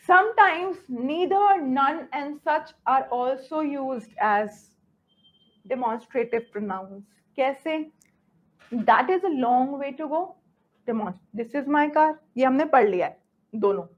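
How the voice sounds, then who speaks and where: A woman's voice: high-pitched, animated, drawn-out words, muffled recording. A woman with an Indian English accent teaching a grammar lesson, often stopping to check that students follow. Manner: switches between Hindi and English, checks understanding often.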